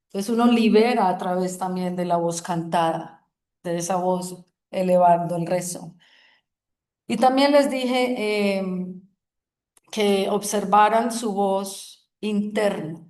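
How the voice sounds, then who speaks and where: A woman teaching a yoga group in a gentle, reflective way, often checking in with the listeners. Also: medium pitch. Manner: slow, soothing, asks "¿sí?" often. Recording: roomy echoing room.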